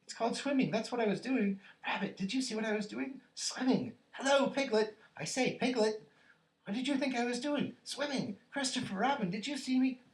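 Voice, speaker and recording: A man voicing an excited, proud little baby kangaroo with a high squeaky voice in a storybook reading. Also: moderate pace, hardly any pauses, roomy sound, heavily acted, rough recording. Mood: proud chattering. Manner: excited, boastful, repetitive.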